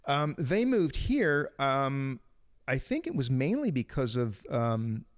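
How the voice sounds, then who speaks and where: A man's voice: mid-range voice, big pitch swings, slow. Rambling man in his fifties, storytelling. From born in Greece, raised in Cincinnati. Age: 50s. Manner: rambling, many restarts and fillers. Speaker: podcast guest. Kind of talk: casual storytelling interview.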